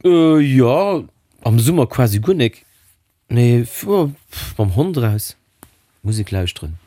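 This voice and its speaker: A man being interviewed in a relaxed chat, talking hesitantly with frequent filler sounds and restarts. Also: mid-range voice, takes it slowly, no echo, clean studio sound. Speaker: podcast guest.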